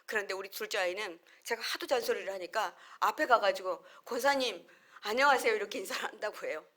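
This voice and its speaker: A middle-aged woman pastor preaching at an average pitch in an earnest, conversational way. She draws on everyday family stories. When she acts out a quoted line, her voice jumps up in pitch and loudness. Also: fast. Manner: acts out short quoted lines with sudden rises in pitch and volume. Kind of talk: sermon.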